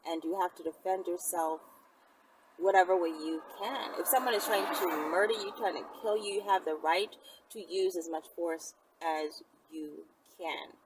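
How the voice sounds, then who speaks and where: Hosting a laid-back Q&A video, a woman with a fairly low voice talks at normal speed. She's frank, emphatic and conversational throughout this casual chat, recorded on a distant mic with audible background noise.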